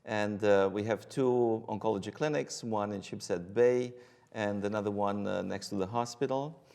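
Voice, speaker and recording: A man's voice: lowish voice, normal speed, creaky, a little mellow. Hesitant middle-aged Romanian-accented man. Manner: hesitant, many ums and uhs. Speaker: guest physician.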